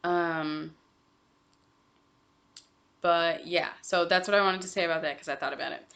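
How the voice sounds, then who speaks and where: A woman's voice: fairly low pitch, steady tone, measured pace, highs cut off, noisy background. A young woman chatting casually in a cross-stitch vlog, rambling with many ums and self-corrections. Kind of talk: casual chat.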